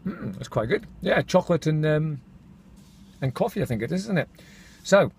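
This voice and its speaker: A man's voice: a little high, sing-song, normal speed, creaky, a little mellow, slight background noise. A middle-aged man, born in Scotland and raised in England, chatting casually to camera in a daily vlog, self-mocking and calling his viewers folks. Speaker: vlogger.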